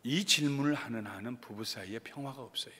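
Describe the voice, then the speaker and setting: A male pastor giving an expository sermon with lively delivery, acting out everyday family scenes. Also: medium pitch, fast, in a large hall, a little hiss or hum. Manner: animated, acts out everyday scenes.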